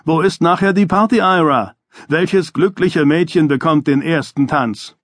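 A man voicing a pushy, down-on-his-luck male paparazzo in an audiobook, calling out loud taunts in a raised voice. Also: on the high side, lively intonation, moderate pace, no echo, clean studio sound, voice pushed up. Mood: taunting. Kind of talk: audiobook character voice.

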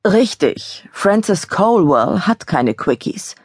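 A woman's voice: mid-range voice, very animated, takes it slowly, a little mellow, breathy edge, dry recording, clean studio sound, pitched above the performer's own voice, full character voice. A woman voicing a camp, theatrical young male gallery colleague who teases and mocks with a laugh in his voice. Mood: teasing.

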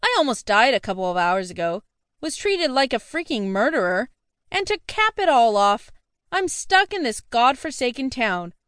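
A woman narrating a first-person novel as an audiobook, sassy and sharp-tongued. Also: on the high side, sing-song, normal speed, clean tone, dry recording, studio quality.

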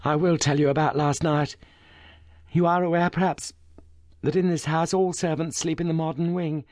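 A high, lilting young noblewoman , as a male reader puts her on, weary from her injuries yet quick to flare into indignation. Her pleas climb well above the reader's own register. The voice is close and dry, with no room sound behind it. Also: steady tone, a little mellow, no echo, close to an everyday voice. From brought up in South Australia. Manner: raised, pleading, indignant. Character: young titled lady, injured, weary and passionate.

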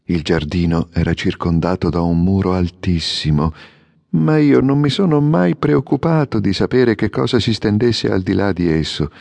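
A man's voice: low-pitched, lively intonation, gravelly, darkish tone, dry recording. A man as a solemn, sorrowful statue prince. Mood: melancholy. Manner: solemn, measured. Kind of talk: audiobook character reading.

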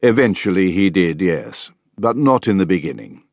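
A man playing a soft-spoken remorseful father. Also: sits low, very animated, normal speed, dry recording, clean studio sound, voice pushed down, exaggerated voice. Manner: soft, apologetic. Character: middle-aged father, gentle and remorseful.

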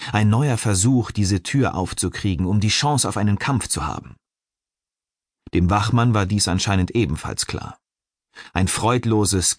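A man reading an audiobook in measured, suspenseful narration. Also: deep voice, dry recording, clean studio sound. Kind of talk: scripted narration.

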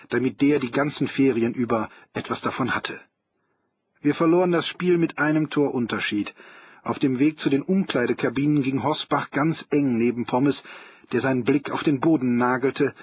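A man's voice: mid-range voice, lo-fi sound, slight background noise. A man narrating an audiobook in a dry, wry storytelling manner. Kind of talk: audiobook reading of a humorous novel.

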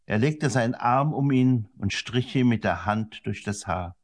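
A man narrating a children's story in a gentle, expressive way. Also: measured pace. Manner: gentle and expressive, varies the pitch to suit the story. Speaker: audiobook narrator.

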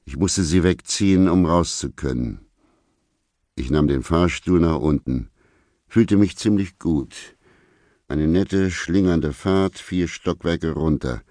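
Gruff male storyteller with a very deep voice, laconic and unhurried, dry close sound. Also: warm tone, no room sound. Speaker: audiobook narrator. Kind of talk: first-person literary narration.

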